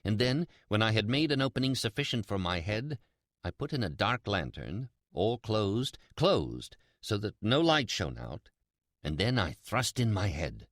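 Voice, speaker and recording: A man playing a sly, mad, gloating murderer in a theatrical, deliberate dramatic reading of a Gothic horror story. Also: lowish voice, sing-song, fairly bright tone, no room sound, clean studio sound, full character voice. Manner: theatrical, deliberate, drawn-out emphatic repetitions. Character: mad, gloating, sly male murderer confessing his crime.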